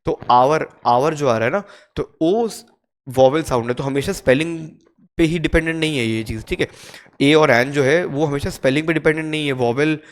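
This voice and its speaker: A man with an Indian accent, teaching an English grammar lesson in a chatty way, slowly repeating each rule and often checking in with his viewers. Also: a little high. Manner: chatty, repeats "theek hai" often, drills rules slowly. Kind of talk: casual spoken grammar lesson.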